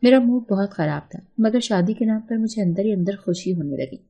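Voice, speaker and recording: A woman storyteller reading a first-person family tale aloud in a steady, plain manner. Her voice is mellow and warm in tone, with a soft husky edge. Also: mid-range voice.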